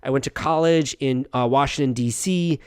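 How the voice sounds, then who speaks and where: A young podcast host from the United States talks at normal speed in a medium-pitched, darkish, smooth voice with no echo. His casual monologue is friendly and chatty, with frequent restarts.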